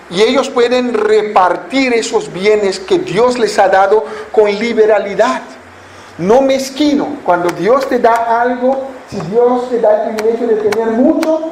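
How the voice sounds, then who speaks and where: A man's voice: high-pitched, darkish tone, reverberant, a little hiss or hum, rough recording. A man preaching a Sunday sermon, putting questions to the congregation and answering them himself. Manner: acts out foolish attitudes in mocking voices. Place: church hall.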